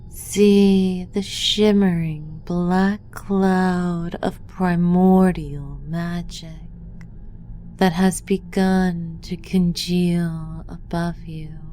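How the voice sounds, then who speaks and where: Extremely slow and deliberate, a woman's hushed, incantatory delivery carries a guided meditation script. Her voice is dark in tone, soft-edged, and sits lowish.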